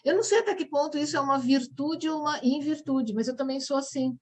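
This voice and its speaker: A woman's voice: sits high, quick pace. A woman hosting a casual video-call chat, talking in a reflective, chatty way. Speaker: host.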